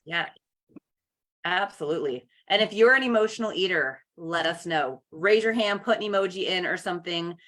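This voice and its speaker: Bright chatty woman coaching host. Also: on the low side, lively intonation, moderate pace. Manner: chatty, upbeat, greets viewers by name. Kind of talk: casual live coaching chat. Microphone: video call.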